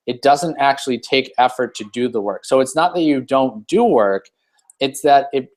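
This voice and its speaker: A man's voice: mid-range voice, darkish tone. Man in mid-range voice, casual co-host, rambles with fillers; loose, unscripted delivery. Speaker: co-host of a personal development hangout.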